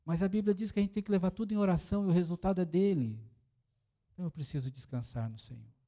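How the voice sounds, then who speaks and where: A man's voice: sits high, fast talker, warm tone. A Brazilian man preaching as a pastor in a church, telling a story and acting out the dialogue. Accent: Brazilian Portuguese. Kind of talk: sermon with storytelling.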